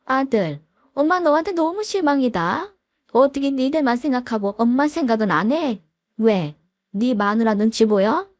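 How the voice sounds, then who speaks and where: Woman doing a domineering old mother-in-law, scolding, high voice, dry close sound. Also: expressive, normal speed, no echo. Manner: scolding, shouting demands. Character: pushy elderly mother-in-law, shrill and domineering.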